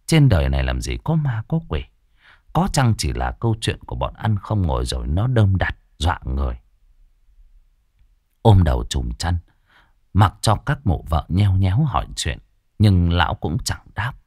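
Low-voiced man narrating a dramatic tale. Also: normal speed, no room sound, studio quality. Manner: animated, swooping delivery. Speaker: audiobook narrator.

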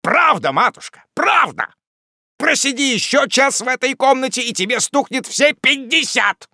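A man voicing an irascible old country squire who blusters and shouts in outrage. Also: on the high side, very animated, measured pace, breathy edge, no room sound, clean studio sound, exaggerated voice. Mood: furious.

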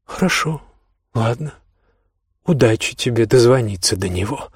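A cold, dismissive mother who cuts her son short with brief, clipped answers, as a male reader voices her. The voice stays husky and a little hushed, close to the reader's own. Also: medium pitch, expressive, moderate pace, dry recording. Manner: curt, dismissive. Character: strict tired mother, middle-aged woman, cold.

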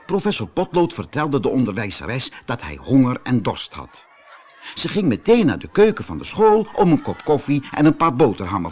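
A man from the Netherlands reading a children's fairy tale aloud as a storyteller, lively and expressive. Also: medium pitch, slightly rough. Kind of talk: audiobook fairy tale narration.

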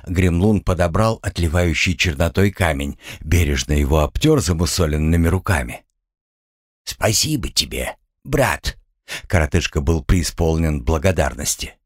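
A man narrating an audiobook in a steady, expressive storytelling manner. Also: extremely low pitch, normal speed, hardly any pauses, no echo, studio quality. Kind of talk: scripted narration.

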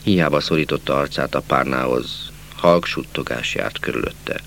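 A man reading a literary novel aloud as an audiobook narrator, slow and measured, dropping to a hush at sad passages. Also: very deep voice, vocal fry, slight background noise.

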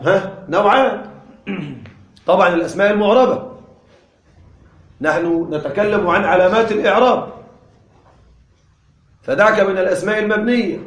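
A man teaching an Arabic grammar lesson, patiently repeating examples slowly and asking and answering his own questions. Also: high-pitched, roomy sound.

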